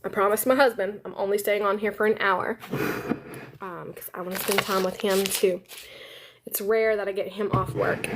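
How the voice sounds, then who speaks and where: A woman's voice: medium pitch, fairly even intonation, normal speed, long pauses, noisy background. A woman, chatting upbeat with live viewers while she eats lunch. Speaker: live-stream host. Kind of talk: casual live-stream chat while eating.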